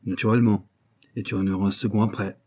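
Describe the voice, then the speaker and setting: A man's voice: on the low side, flat delivery, quick pace, darkish tone, natural voice. A man reading an audiobook and voicing a sly old bailiff's clerk who coaxes and schemes in a knowing, sometimes stern way. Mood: assured.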